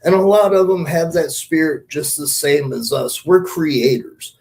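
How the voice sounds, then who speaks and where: On a rough recording, a man with a highish, gravelly, somewhat dark voice hosts a podcast at a slightly slow pace. He speaks casually and earnestly, swearing freely and treating his listeners as friends during his monologue and chat.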